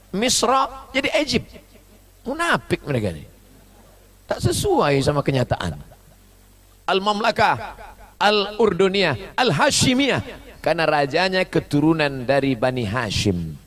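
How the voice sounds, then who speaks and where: A preacher delivers a humorous sermon, mimicking foreign phrases as his voice swings from loud, high bursts to soft, low asides.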